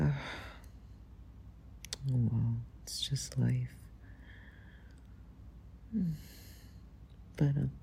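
Young woman, ASMR roleplay, close-mic, soft and halting whispers, very low and dark, slow. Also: gravelly, a little hiss or hum. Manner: soft, hesitant, often whispered.

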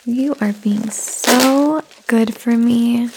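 A woman in an ASMR caretaker roleplay, speaking softly and soothingly, often in a whisper, close to the microphone. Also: on the high side, very slow, very noisy.

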